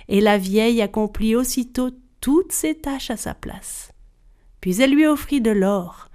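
A woman storyteller telling a folktale aloud, expressive and speaking directly to her listeners. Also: a little high.

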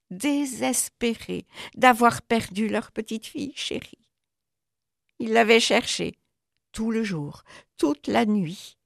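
A woman's voice: gravelly, no room sound, clean studio sound. A woman storyteller reading a children's storybook aloud, narrating expressively. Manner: expressive, with sweeping pitch.

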